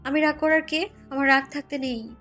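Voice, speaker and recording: A woman's voice: high voice, steady tone, normal speed, fairly bright tone, soft background music. A woman playing a hurt, sulking young wife. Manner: wounded, sulky. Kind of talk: Bengali audio drama acting.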